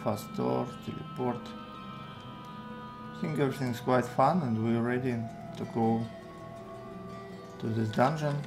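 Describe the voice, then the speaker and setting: A man in his twenties with a Russian accent, thinking aloud in halting fragments as he gives casual live game commentary. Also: mid-range voice, vocal fry. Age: 20s. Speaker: game streamer. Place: indoor room at a computer. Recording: music behind the voice. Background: music, keyboard typing.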